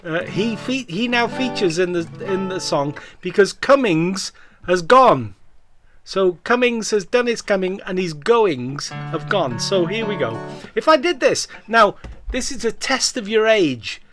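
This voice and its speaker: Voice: medium pitch, big pitch swings, unhurried, over music. A folk club singer, introducing a song at home during lockdown in a rambling, self-mocking way full of stumbling restarts. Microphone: online session.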